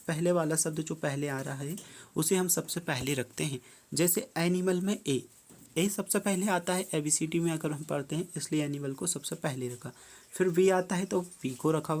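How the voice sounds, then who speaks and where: A teacher with a medium-pitched, darkish voice works through a worksheet step by step. Each English prompt is read slowly, then explained in plain terms.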